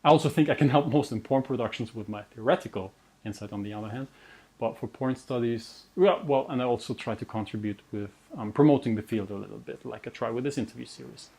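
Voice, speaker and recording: A young adult man, the host and researcher, quickly delivers a scripted introduction to his interview series on camera. His mid-range voice is creaky and a little mellow, with an Austrian German accent, and English is his second language. He's earnest and pokes fun at himself, repeatedly restarting words.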